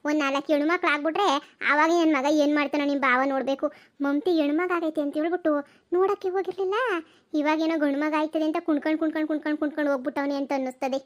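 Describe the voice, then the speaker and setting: A woman voicing chatty village women in a cartoon comedy, in a rapid, gossipy, exclaiming manner. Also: high voice, steady tone, dull audio, lightly acted.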